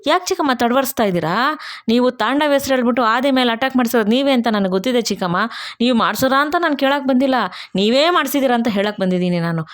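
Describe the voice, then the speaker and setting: A woman voicing a gentle young wife who pleads with and then reproaches her aunt in a retold serial story. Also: fairly high pitch, expressive, fast talker, lightly acted. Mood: reproachful pleading. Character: young heroine, gentle wife turned accuser.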